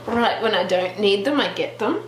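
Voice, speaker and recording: A woman hosting a relaxed real-time colouring tutorial, chatting and thinking aloud with trailing restarts as she works. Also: mid-range voice, normal speed, slight background noise. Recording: roomy echo with faint background music.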